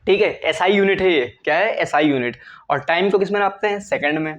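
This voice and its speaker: Male teacher, quick and fairly high-pitched, lo-fi classroom lecture sound, answers his own questions. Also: a bit bright. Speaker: chemistry teacher.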